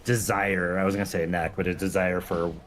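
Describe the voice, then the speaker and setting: A man with a low, flat, brisk voice chats casually while playing a game, explaining things in a self-deprecating way; he's a guest and a game mod creator. Background music plays, and there's some background noise.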